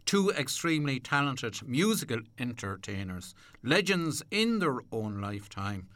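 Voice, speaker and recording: An Irish man hosts a radio programme in a medium-pitched voice. He speaks in a courteous, unhurried manner, part prepared narration and part chat, with some hesitation. The sound is close and dry, as in a studio. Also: big pitch swings, fairly bright tone, dry recording. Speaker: radio host.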